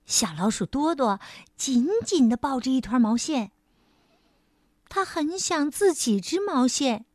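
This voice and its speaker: A woman reading a children's story aloud in a gentle, sing-song way, speaking to a child. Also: high voice, expressive, measured pace, no room sound, studio quality.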